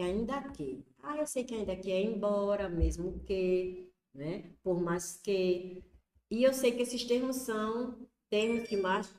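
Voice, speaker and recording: A Brazilian woman teaching an exam prep class in a voice of ordinary pitch for a woman. She walks through each point step by step and puts questions to herself before answering them. The room gives her voice a clear echo. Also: a little mellow. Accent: Brazilian Portuguese.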